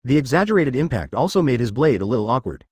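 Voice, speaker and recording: A man reading fan fiction aloud as a steady scripted narration. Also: mid-range voice, fast, husky, no room sound, clean studio sound.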